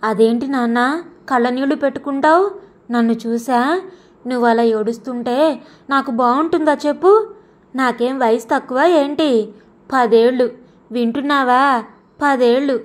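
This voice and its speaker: A woman voicing a frail, bedridden old grandmother who speaks gently and with resignation, in an audio story. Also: high voice, measured pace, pauses often. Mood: tender.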